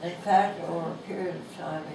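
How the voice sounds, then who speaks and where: A Canadian author in her nineties reads her humorous essay to a bookstore crowd in a slow, gentle, amused way. Her thin, weak voice sits at a fairly low pitch, with fairly even intonation and vocal fry. The lapel mic and across-the-room filming produce echoey, distant audio with background noise.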